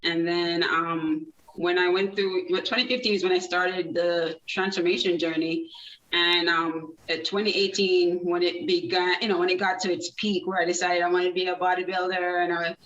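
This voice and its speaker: A woman's voice: on the low side, level tone, normal speed, a bit bright, a little hiss or hum. A woman in her thirties from Jamaica, guest in an interview, telling her story in a chatty way with many fillers and restarts. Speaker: guest, nonprofit founder. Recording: distant, dull, roomy sound.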